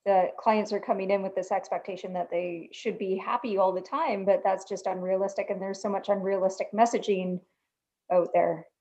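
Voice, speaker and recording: A woman's voice: medium pitch, fairly even intonation, normal speed, mellow, dull audio. A woman speaking as a therapist in a casual podcast panel discussion.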